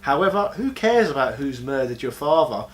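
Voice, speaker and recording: A man in his thirties co-hosting a casual gaming chat, playful and jokey, getting excited as he talks. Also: mid-range voice, brisk. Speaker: co-host of gaming chat show.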